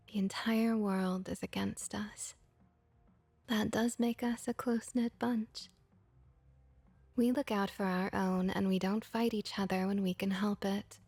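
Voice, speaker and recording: With a husky, medium-pitched voice in a dry recording, a woman takes on the role of a comforting, friendly vampire innkeeper. Her soft-spoken ASMR delivery is gentle and reassuring, slipping often into whispers.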